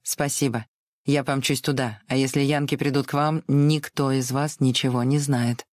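A reader voicing a composed gentleman in an audiobook, brisk and urgent. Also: medium pitch, level tone, no room sound, clean studio sound, close to an everyday voice. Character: cool, composed Southern gentleman. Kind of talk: audiobook reading.

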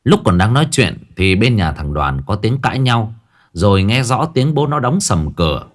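Low-voiced man telling a ghost story. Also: normal speed. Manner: lively, dramatic telling.

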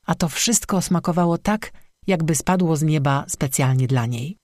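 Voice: medium pitch, moderate pace, a little mellow, no room sound. Dry, close audiobook narrator. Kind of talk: scripted storybook narration.

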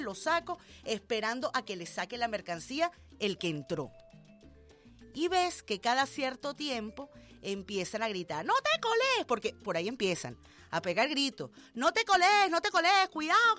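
A woman's voice: on the high side, a bit bright. A Venezuelan woman hosting a radio show, giving emphatic, indignant commentary with sarcastic asides. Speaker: radio host.

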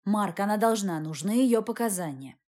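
A woman voicing a brisk, businesslike male prosecutor in a read-aloud story. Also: medium pitch, expressive, darkish tone, lightly acted.

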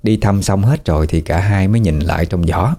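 A man with a Southern Vietnamese accent narrating a ghost story in a relaxed, folksy way with fillers. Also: low voice, fairly quick.

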